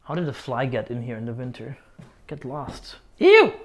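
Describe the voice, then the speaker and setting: A man's voice: medium pitch, wildly swooping pitch, moderate pace. A young man from Croatia, vlogging a casual tour of his apartment, joking and chuckling often. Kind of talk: casual chat. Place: apartment, indoors.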